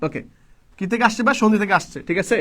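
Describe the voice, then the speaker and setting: A man's voice: sits high, animated, racing, fairly bright tone. A man teaching a live online admission-test class, asking questions and answering them himself over and over. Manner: repetitive call-and-response teaching, asks and answers himself.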